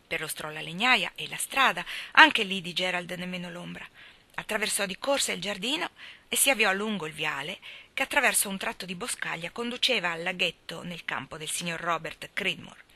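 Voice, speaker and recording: A woman reading a novel aloud as an audiobook narrator, expressive and lively in her delivery. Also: medium pitch, no room sound. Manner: expressive reading, voicing characters. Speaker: audiobook reader.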